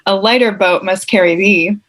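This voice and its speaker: A woman reading the part of an aged male underworld ferryman, declaiming loudly like a circus announcer. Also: mid-range voice, steady tone, normal speed, slight background noise, close to an everyday voice. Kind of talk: dramatic verse reading.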